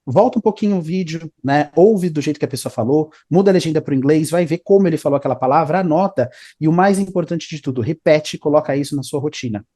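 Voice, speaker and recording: A man's voice: on the high side, fast talker, hardly any pauses, warm tone. A man, an English teacher explaining study tips in a casual interview, often adding "né?" and "tá?". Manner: explanatory, repeats 'né?' and 'tá?'.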